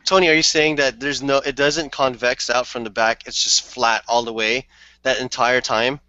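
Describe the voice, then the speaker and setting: Man, bright forceful tone, quipping co-host, dry lo-fi audio. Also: medium pitch, steady tone, normal speed, no echo. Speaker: podcast co-host. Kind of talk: casual tech podcast chat. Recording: dry, dull lo-fi podcast audio.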